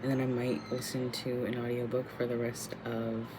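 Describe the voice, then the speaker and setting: A young man of about twenty talks casually in a book vlog, speaking in an ordinary mid-pitched male voice that's monotone and moderately paced. He's chatty and rambling, with frequent ums and restarts, while faint background noise runs under the recording.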